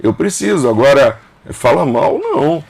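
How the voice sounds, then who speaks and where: A man's voice: mid-range voice, sing-song, moderate pace, vocal fry, a little mellow, slightly rough. A man in his fifties, a governor being interviewed on a casual podcast, who speaks emphatically in short clauses and repeats phrases. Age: 50s.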